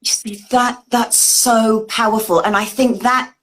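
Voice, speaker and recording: A woman's voice: on the high side, steady tone, a little slow, fairly bright tone. A woman hosting an interview, responding supportively to her guest. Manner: supportive, affirming. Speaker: host.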